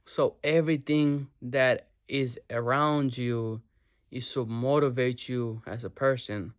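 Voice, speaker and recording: A young man from Nepal talks straight to the camera from his bedroom, loose and slangy, swearing freely as he drives home a motivational point. His voice sits at an ordinary middle pitch for a man, and he speaks in easy casual bursts. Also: fairly even intonation, slow pace. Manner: slangy, swears, calls viewers bro. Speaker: vlogger.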